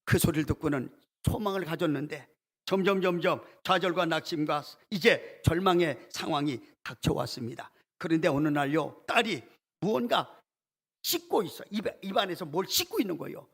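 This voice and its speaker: A man's voice: on the high side, lively intonation, normal speed, breathy edge. A male pastor preaching a Sunday sermon in a church, telling a story and acting out the prayers in it. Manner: storytelling, acts out quoted prayers with rising intensity. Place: church sanctuary.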